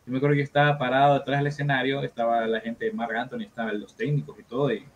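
A man, a guest guitarist telling lively anecdotes in a casual interview, with many fillers and restarts. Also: mid-range voice, racing, lo-fi sound.

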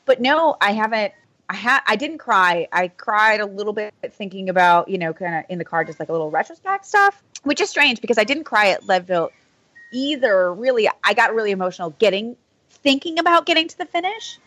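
A woman's voice: medium pitch, animated, a little fast, a bit bright. A woman guest on a podcast, chatting casually about running and laughing often, with many "like" fillers. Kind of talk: casual chat.

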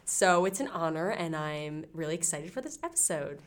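A woman's voice: low voice, lively intonation, normal speed. A woman in her twenties, a podcast guest, telling stories with dry, playful humor. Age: 20s. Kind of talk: casual chat.

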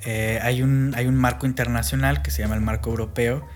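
A man's voice: mid-range voice, level tone, brisk. A bilingual man with a Mexican accent, native in English and Spanish, co-hosting a casual podcast. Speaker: podcast co-host.

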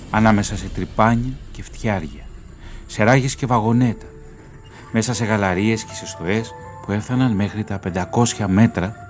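A man narrating a documentary report in a solemn, measured, scripted way. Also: deep voice, darkish tone.

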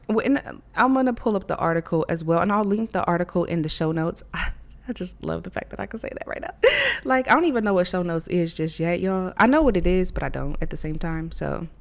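A young woman hosts her own podcast from her living room, talking casually and candidly into a handheld mic. Her voice is lowish with vocal fry and a moderate pace. She curses freely and laughs often in this solo podcast chat.

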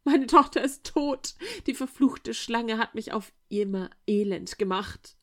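A woman reading aloud and voicing an old widowed mother who cries out in fear and grief, with a high, anxious tone. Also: fairly even intonation, measured pace, close to an everyday voice. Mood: lamenting. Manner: anxious, wailing.

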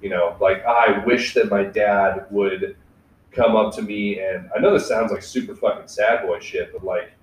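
A man's voice: fairly low pitch, fairly even intonation, moderate pace, far from the mic. A young man hosting a casual podcast, talking candidly and reflectively, swearing freely and leaning on filler words. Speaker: podcast host. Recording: echoey room, away from mic.

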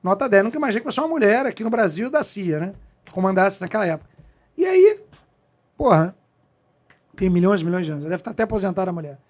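Man from Brazil, middle-aged, guest on an interview podcast, profane, emphatic, high-pitched voice. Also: big pitch swings, fast talker, pauses often, darkish tone. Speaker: guest, federal police chief. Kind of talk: animated storytelling in a podcast interview.

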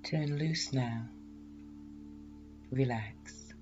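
A woman hypnotherapist guiding a self-hypnosis session in a calm, meditative, soothing way. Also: rumbling low, drawn-out words, muffled recording, faint music behind. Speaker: hypnotherapist and weight loss coach, podcast host.

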